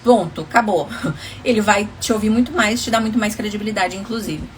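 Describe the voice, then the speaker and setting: A woman's voice: medium pitch, brisk, slight background noise. A woman relationship coach giving casual advice on a livestream, chatty and often laughing, calling viewers endearing names.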